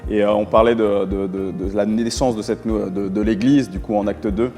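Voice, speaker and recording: A man with a low, dark, mellow voice prays and chats as a ministry co-host. He speaks softly and haltingly, with many fillers. A long reverb and faint music fill the space behind him. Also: fairly even intonation. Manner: soft affirmations, halting with fillers. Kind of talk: prayer and conversation.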